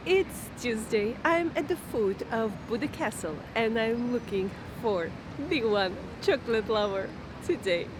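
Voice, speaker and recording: A woman's voice: lively intonation, measured pace, few pauses. A cheerful woman hosting a vlog, interviewing passers-by at an outdoor Christmas market and laughing often. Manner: cheerful, laughs often, rises high when greeting. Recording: clear city noise behind.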